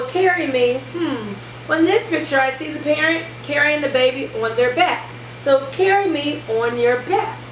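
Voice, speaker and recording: For her education channel aimed at parents and teachers, a very high-pitched woman delivers an upbeat instructional video to camera in an animated, teacherly style. The recording sounds roomy, with a distant mic and faint background noise.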